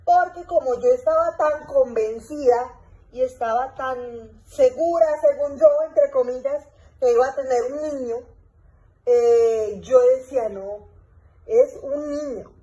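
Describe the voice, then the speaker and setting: A young adult woman vlogs in character as a pregnant vampire mom, retelling events chattily with lots of fillers and repetition. Her voice is high-pitched and mellow at a measured pace, and the highs are cut off.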